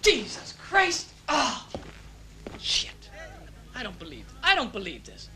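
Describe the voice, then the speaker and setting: A panicked American soldier. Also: male voice, very high-pitched, huge pitch swings, takes it slowly, a little hiss or hum, heavily acted. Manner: frantic shouting, swearing. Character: panicked young male American soldier held captive. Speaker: captive soldier. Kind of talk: film drama acting.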